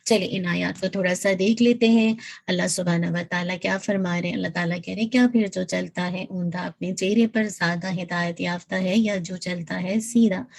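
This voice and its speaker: A woman teaching Quran recitation in a patient lesson. She works step by step, keeps checking in, and slowly draws out sounds to model them. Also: fairly low pitch, a little mellow. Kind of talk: instructive lesson.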